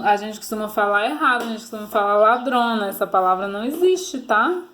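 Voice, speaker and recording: A woman's voice: mid-range voice, fairly bright tone. A Brazilian woman teacher giving a recorded grammar lesson to children, patiently posing fill-in questions and coaxing answers. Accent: Brazilian Portuguese.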